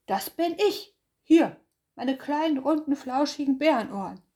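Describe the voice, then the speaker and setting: A woman voicing a big, stubborn male bear in a storybook, talking loud and emphatic. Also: high-pitched, expressive, measured pace, voice pushed up. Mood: boastful.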